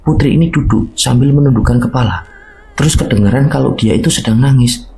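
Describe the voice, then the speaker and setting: A man's voice: mid-range voice, a little fast, creaky, darkish tone. A man narrating a mountain horror story in a casual spoken storytelling manner.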